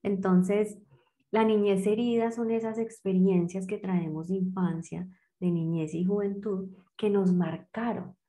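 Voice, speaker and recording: A woman's voice: medium pitch, steady tone, unhurried, warm tone. A woman giving a reflective talk, who strings phrases into long lists with many fillers and restarts. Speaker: guest speaker on childhood wounds.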